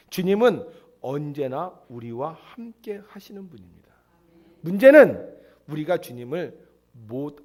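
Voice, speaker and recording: A male pastor preaching a sermon in an animated storytelling way, often acting out the voices of people in the story. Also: high voice, vocal fry.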